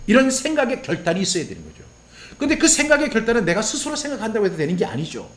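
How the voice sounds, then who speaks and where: A male pastor preaching with a high, lively voice that leaps up and down. He asks his listeners questions, answers them himself, and acts out the prayers and complaints he quotes. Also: very fast. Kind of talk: sermon.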